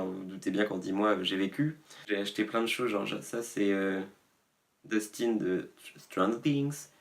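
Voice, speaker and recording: A man vlogging casually about clothes he bought, rambling and self-mocking with lots of fillers and asides. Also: lowish voice. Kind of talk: casual fashion haul vlog.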